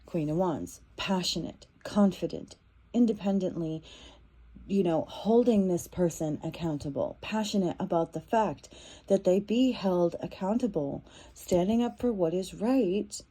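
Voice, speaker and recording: A woman's voice: on the low side, measured pace, mellow, slightly rough. A woman giving a casual tarot reading, talking in a loose, repetitive way with many fillers and restarts. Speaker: tarot reader.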